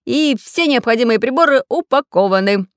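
A woman voicing a friendly male iron craftsman who welcomes guests in a raised, lively voice. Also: on the high side, normal speed, no room sound, studio quality, voice pushed up, lightly acted. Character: kind tinkering iron craftsman man.

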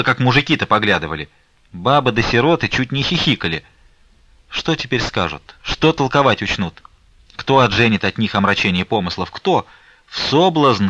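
A man's voice: lowish voice, sharp tone, no room sound, full character voice. A man reading an audiobook voices a stern, angry elderly abbess who scolds fiercely and reproachfully.

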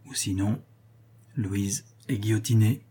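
A broken old craftsman, lost in madness, murmurs the same words over in a soft, sad undertone, as a male reader puts him on. The voice is low, husky and mellow. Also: slow pace. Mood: murmuring. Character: older male artisan gone mad, murmuring. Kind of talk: audiobook character reading.

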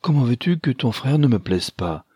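A man's voice: medium pitch, very animated, normal speed, warm tone, slightly rough, no echo, clean studio sound, pitched above the performer's own voice. A man voicing a teasing young society lady. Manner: playful, teasing. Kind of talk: audiobook character voice.

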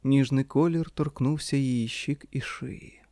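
A man narrating a literary audiobook in a calm, measured reading. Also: medium pitch, no echo, studio quality.

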